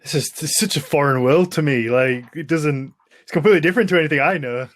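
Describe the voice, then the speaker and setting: Guy hosting a podcast, voice a bit high, chatty questions. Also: quick pace. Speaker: podcast host. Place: indoors on a video call.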